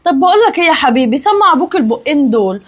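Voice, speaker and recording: A woman with an Egyptian accent in a comedic sketch, playing a brash, sharp-tongued second wife. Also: high voice, very animated, racing, a little hiss or hum.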